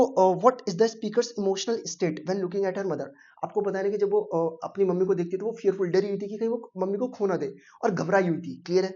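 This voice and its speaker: Fast-talking male English teacher, dull recording. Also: sits high, dark tone. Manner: mixes Hindi and English, quizzes students with rhetorical questions. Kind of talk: exam-prep lesson explanation.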